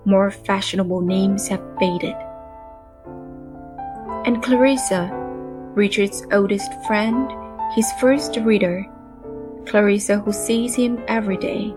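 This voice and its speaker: A woman narrating a literary audiobook in a measured, calm reading voice. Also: mid-range voice.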